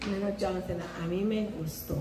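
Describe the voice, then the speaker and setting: A woman's voice: medium pitch, fairly even intonation, normal speed, crowd noise. An older woman with a Salvadoran Spanish accent gives kind, slightly hesitant praise as a contest judge. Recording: distant echoey mic, noisy.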